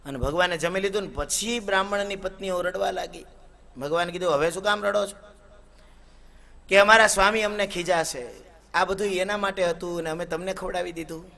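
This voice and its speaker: A man's voice: high-pitched, steady tone, a little fast, vocal fry, sharp tone. A man, a katha preacher telling a devotional story sermon. He chants Sanskrit verses and voices the characters' dialogue as he narrates.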